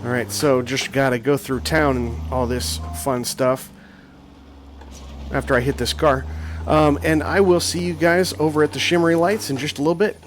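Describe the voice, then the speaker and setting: A man's voice: fairly high pitch, fairly even intonation, moderate pace, a little hiss or hum. A man casually commenting on his truck-driving gameplay, rambling with frequent ums and restarts as he plays. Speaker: gaming channel host.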